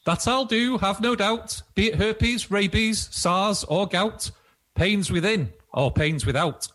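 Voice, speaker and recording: A man's voice: high voice, slow pace, fairly bright tone, heavily acted. A man playing a boastful quack doctor, declaiming showy patter in a comic folk play. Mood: boastful, cheerful.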